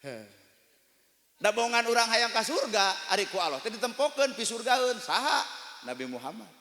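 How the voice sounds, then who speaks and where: A man preaching in a Sundanese accent, telling stories with acted-out dialogue and sudden shouts. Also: high-pitched, normal speed. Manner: animated storytelling, acting out dialogue, bursts of shouting. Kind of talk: lively Sundanese sermon. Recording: echoey hall from a distance.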